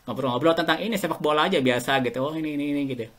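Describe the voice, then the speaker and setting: This middle-aged Indonesian man races through his words in a highish voice with a fairly bright tone. A guest alumnus on a casual podcast interview, he's chatty and anecdotal, chuckling as he speaks.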